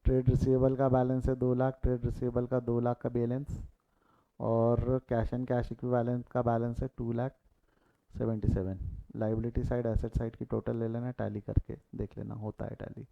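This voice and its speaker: The voice is male, mid-range and creaky, delivered completely flat at a normal speed. He's running a live online accounting class, mixing in English terms, repeating key figures, and urging students to answer in the chat. The audio comes through tinny, as if over a phone.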